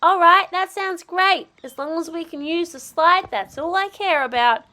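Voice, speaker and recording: A woman voicing an excited, playful little cartoon puppy kid in children's toy role-play, exclaiming and repeating words eagerly. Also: extremely high pitch, moderate pace.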